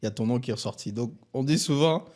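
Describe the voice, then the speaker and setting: A man hosting a podcast, relaxed and casual, often repeating his words. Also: mid-range voice, fast. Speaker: podcast host.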